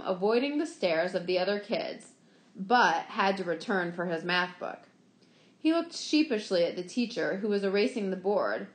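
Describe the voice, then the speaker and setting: A woman narrating a short story in a steady, expressive storytelling manner. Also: medium pitch. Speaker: story reader. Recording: roomy echo.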